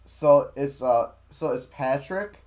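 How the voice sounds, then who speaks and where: A man's voice: medium pitch, slow pace, darkish tone. A man co-hosting a sports podcast, chatting in a laid-back way about football news. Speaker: podcast co-host. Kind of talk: casual sports chat.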